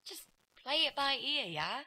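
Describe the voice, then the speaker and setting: An actress voicing a young female student, a bright, fast talker who schemes. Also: high-pitched, sing-song, exaggerated voice, low-quality recording. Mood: urgent. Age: young adult. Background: game music.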